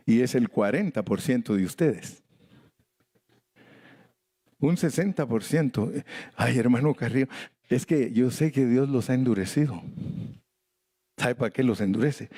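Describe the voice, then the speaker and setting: A man's voice: medium pitch, warm tone, no room sound, studio quality. An older man preaching a sermon as pastor, emphatic and acting out conversations with sudden jumps in his voice. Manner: emphatic preaching that acts out conversations, voice leaping up for stress.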